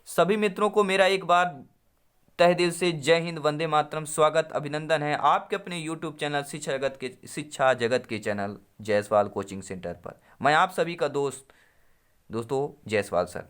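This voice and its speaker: A man's voice: a little high, moderate pace, a bit bright, smooth. A man teaching a Hindi exam-prep lesson, going through questions one by one, calling viewers his friends, repeating each answer and asking them to reply. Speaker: Hindi teacher at a coaching channel.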